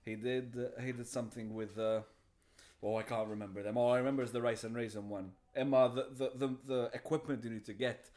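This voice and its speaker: A young man, a podcast guest chatting casually in an excitable, laughing way. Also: mid-range voice, brisk. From Malta. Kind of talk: casual chat.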